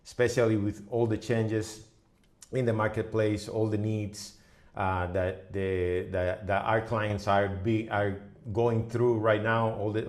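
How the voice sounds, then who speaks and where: A middle-aged man from the Dominican Republic, a business owner guest on a podcast, speaking haltingly with many fillers and restarts. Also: lowish voice, a little mellow. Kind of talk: podcast interview.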